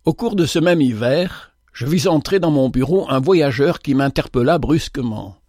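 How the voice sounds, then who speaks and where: A man narrating a story in the first person, measured and expressive. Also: fairly high pitch, no room sound, studio quality. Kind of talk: storybook reading.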